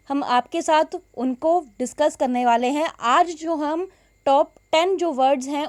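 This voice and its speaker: Woman, Indian accent, high voice, slow and deliberate, pronunciation lesson, dry close sound. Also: darkish tone, no echo. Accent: Indian English. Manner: slow, deliberate, stretches out example words. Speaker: English pronunciation teacher. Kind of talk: Hindi-English mixed lesson.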